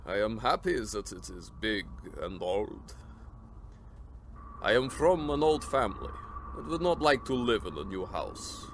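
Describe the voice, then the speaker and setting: An actor playing a vampire count in a radio drama, speaking with formal, deliberate courtesy that carries a quiet, commanding menace. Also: male voice, lowish voice, lively intonation, a little hiss or hum. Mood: courteous.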